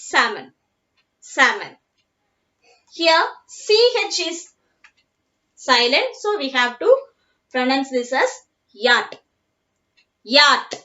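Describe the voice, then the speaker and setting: Malayali woman teacher, very slow, bright high voice, dull lo-fi recording, patient and repetitive. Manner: slow, repeats each word patiently, mixes in Malayalam. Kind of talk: online class lesson. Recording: dull lo-fi sound.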